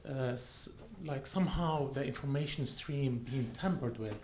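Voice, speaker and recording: A man's voice: medium pitch, a little slow. Hesitant man asking a question. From Syria, Aleppo. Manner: hesitant, many fillers and restarts. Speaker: audience member asking a question. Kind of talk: audience question at a panel. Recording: roomy hall, faint noise.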